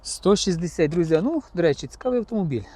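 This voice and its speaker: A car-market vlogger with a mellow, high, expressive voice tours an outdoor used-car lot, talking at a quick pace. His casual on-the-spot inspection vlog is chatty, and he addresses viewers directly as friends.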